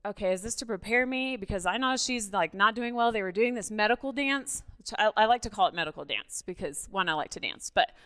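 Speaking briskly at a medium pitch, this middle-aged woman from Mexico, a native Spanish speaker, gives an animated personal testimony as a church guest speaker. Her tone is clear and resonant, and she chats with her listeners, often checking that they're following.

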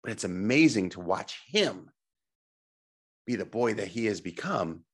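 A man's voice: lowish voice, big pitch swings, unhurried, husky. A middle-aged man giving a motivational slide presentation, emphatic and coaching, putting questions to the listener and checking in. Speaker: presenter and teacher on health technology.

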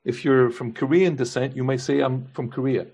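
A man's voice: medium pitch, fairly even intonation, moderate pace, a little mellow, breathy edge. A man preaching a sermon as pastor, earnest, building his points with repeated rhetorical questions.

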